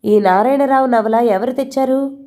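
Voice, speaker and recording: A woman plays a stern, thundering father-in-law, angry and commanding as he scolds his daughter. The voice stays mellow in tone but is pitched up and pushed with force, a household tyrant from a spoken storybook. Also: normal speed, natural voice.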